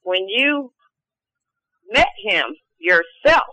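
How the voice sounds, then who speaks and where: A man's voice: very high-pitched, big pitch swings, extremely slow, pushed and bright, slight background noise, poor audio. A man calling in to a show as a caller, speaking in an insistent, earnest, preaching way. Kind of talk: call-in debate, preaching.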